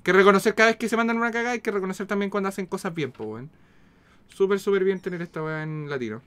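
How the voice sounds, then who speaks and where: A man with a Chilean accent giving casual, slangy, foul-mouthed and excitable commentary as he streams a video game. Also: high voice, fast, clean tone. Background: game music.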